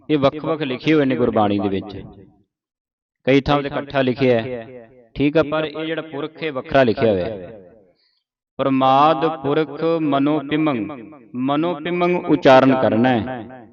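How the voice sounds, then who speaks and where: A man's voice: fairly high pitch, dull audio. A man teaching scripture pronunciation, reciting line by line and having students repeat, sometimes singing phrases. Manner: slow, syllable-by-syllable drilling with sung phrases.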